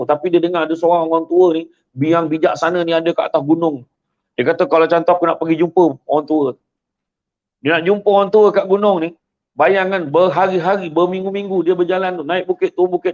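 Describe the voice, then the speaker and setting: A man with a Malaysian Malay accent giving a religious talk, telling a story with acted-out voices. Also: on the high side. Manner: animated, acts out story voices. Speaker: host giving religious advice. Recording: dull lo-fi sound.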